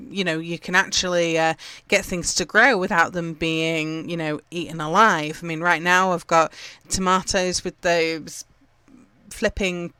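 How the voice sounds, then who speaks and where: A woman's voice: on the low side, sharp tone, smooth, no room sound. A woman from England hosting a gardening podcast, chatting casually with lots of fillers as she gives upbeat tips. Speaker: podcast host.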